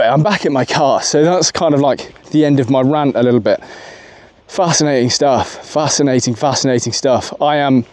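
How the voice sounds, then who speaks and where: A man's voice: on the high side, warm tone, no room sound. A man giving a rambling, casual political opinion monologue from his car, full of fillers and asides. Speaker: political commentary vlogger.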